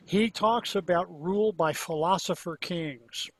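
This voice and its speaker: A man's voice: high-pitched, measured pace, fairly bright tone, slight background noise. A man joining a casual study group discussion on a video call, making brief, hesitant remarks.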